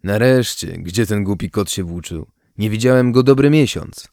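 A stern bearded villager from a spoken storybook, with a cold, curt edge to every question, put on by a male narrator. The voice sits low and close, with a dry sound and no room around it. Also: lively intonation, moderate pace, a little mellow, no echo. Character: stern bearded village man, hostile to strangers.

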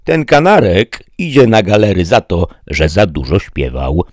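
A man's voice: low voice, wildly swooping pitch, measured pace, dry recording, studio quality, pitched above the performer's own voice, heavily acted. A man voicing a sly, wry young male convict with a mocking tone.

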